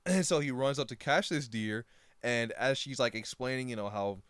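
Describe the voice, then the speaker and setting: This is a young man in casual podcast chat, walking a friend through a film scene by scene. His voice is smooth and clear at an ordinary pitch. The sound is dry and close, and he trails off now and then into fillers. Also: moderate pace, dry recording. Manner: animated retelling, trailing off with filler words. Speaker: podcast co-host.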